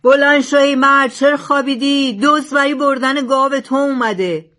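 A woman's voice: fairly low pitch, lively intonation. A hostile male demon from a storybook fable, stubborn and threatening, as a woman reads him. He insists on his own plan and answers with threats. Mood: shouting.

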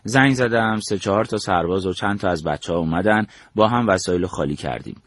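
An older man from Iran narrates his memories as a storyteller, acting out the dialogue he quotes. His voice is deep and the recording is dry.

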